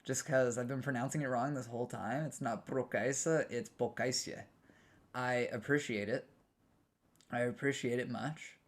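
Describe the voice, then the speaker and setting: A man's voice: mid-range voice, steady tone, normal speed. A young American man streaming a game, rambling casually and answering his chat with many restarts. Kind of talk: casual live-stream chat while gaming.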